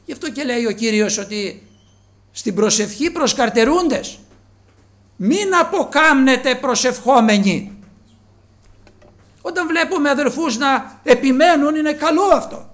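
Preacher, male, very high voice, earnest sermon delivery with soft and raised passages. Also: lively intonation, pauses often. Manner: earnest, addresses listeners as brothers, swings between soft and raised.

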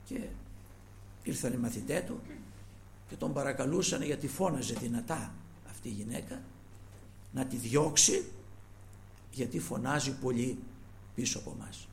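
Gravelly-voiced man preaching a sermon. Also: medium pitch, long pauses, slight background noise. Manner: earnest, retells scripture with quoted pleas, drops to near-whisper at phrase ends.

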